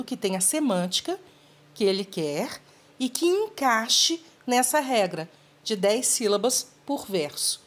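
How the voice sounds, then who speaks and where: Female teacher, slow delivery, lively pitch, patient explaining tone. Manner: patient, explanatory, addresses students directly. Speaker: literature teacher. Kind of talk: recorded lesson.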